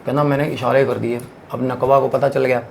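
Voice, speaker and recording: A man's voice: mid-range voice, brisk, vocal fry, soft background music. A young man animatedly retelling a fisherman's ghost encounter on a horror podcast, swearing freely. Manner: animated retelling of another man's account, frequent swearing. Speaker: storyteller.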